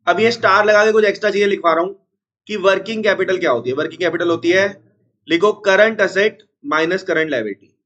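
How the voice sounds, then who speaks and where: A man teaching an accounts class, unwell with a strained chest, repeating formulas slowly and scolding noisy students. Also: high-pitched, a bit bright, dull audio. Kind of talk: classroom lecture.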